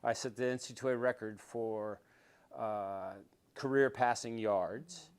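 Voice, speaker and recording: Older man, smooth voice, rambling storyteller. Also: medium pitch, a little slow. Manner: rambling with many restarts and fillers, grows animated telling stories. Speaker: interview guest, former quarterback. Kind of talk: relaxed storytelling interview.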